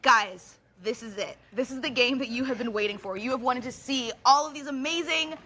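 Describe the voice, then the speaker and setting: A woman co-hosting a live stream in a casual, excited event style. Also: sits high, a little fast.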